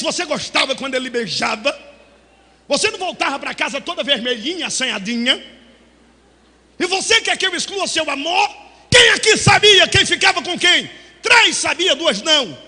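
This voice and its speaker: A Brazilian man preaching a Pentecostal sermon, telling stories and breaking into shouted, sing-song calls. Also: very high voice, big-room sound. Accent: Brazilian Portuguese. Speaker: pastor.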